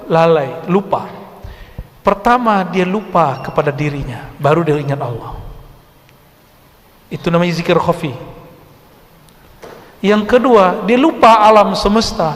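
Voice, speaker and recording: A man's voice: high-pitched, long reverb tail. A middle-aged man preaching a religious study talk in a conversational way, speaking straight to his listeners and reciting Arabic verses. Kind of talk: Islamic study sermon.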